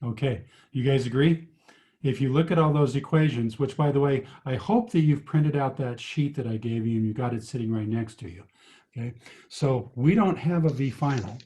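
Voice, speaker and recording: Guy tutoring physics on a video call, warm mellow tone, walks through it step by step. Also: medium pitch, moderate pace. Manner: patient, explains step by step, asks students questions. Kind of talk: online tutoring lesson.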